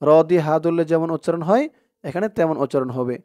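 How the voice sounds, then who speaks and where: A man with a Bangladeshi Bengali accent teaching Quran reading, spelling out letters and drawing out chanted words slowly. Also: a little high, expressive, dark tone, dry recording. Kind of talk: slow recitation lesson.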